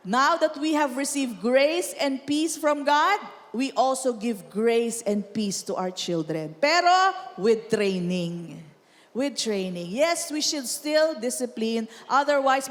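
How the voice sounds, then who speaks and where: A woman pastor with a Filipino accent preaching a lively sermon, chatty and animated, often laughing and asking "Amen?". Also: fairly high pitch. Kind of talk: sermon mixing Tagalog and English. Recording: long hall reverb.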